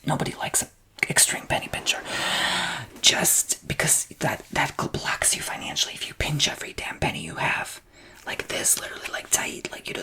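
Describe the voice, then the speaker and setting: A woman tarot reader giving a sassy, blunt reading, almost entirely in a whisper that often rises to a whisper-shout. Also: deep voice, creaky.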